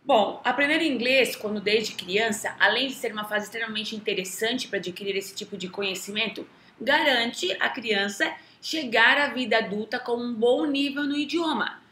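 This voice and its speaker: A woman with a Brazilian Portuguese accent talks casually to the camera as an English teacher, keeping things chatty and tagging her points with quick questioning asides. Her voice is bright and forward. It is recorded in a roomy space with a clear echo. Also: fairly high pitch, a little hiss or hum. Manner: chatty, often tags sentences with a questioning aside.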